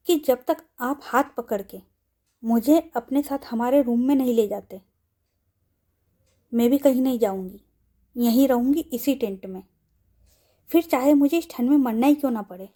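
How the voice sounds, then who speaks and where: A woman's voice: fairly high pitch, mellow. A woman voicing a determined young woman who pleads earnestly and insistently in a storybook audio drama.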